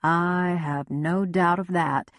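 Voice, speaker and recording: A wry, grim-edged male investigator in a cozy mystery audiobook, voiced by a woman. The voice is low and subdued, with a dry delivery. It sounds close, with very little room. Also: fairly even intonation, slow pace, no room sound. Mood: grim, knowing.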